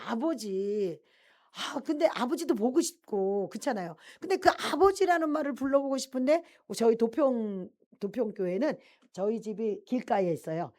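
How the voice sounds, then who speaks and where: Middle-aged lady pastor telling her story in a sermon, voice bounces up and down, really animated. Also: on the high side. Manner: animated storytelling, swells with emotion. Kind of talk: personal testimony sermon.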